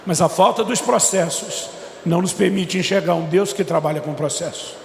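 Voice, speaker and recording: A middle-aged Brazilian pastor preaches with emphasis, his voice riding high with a gravelly edge. He is recorded in a church hall with a long, roomy echo and a faint murmur of ambience behind him. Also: normal speed, slight background noise. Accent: Brazilian Portuguese. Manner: emphatic storyteller, voice rising into shouts. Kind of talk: sermon with retold dialogue. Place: church hall before a congregation.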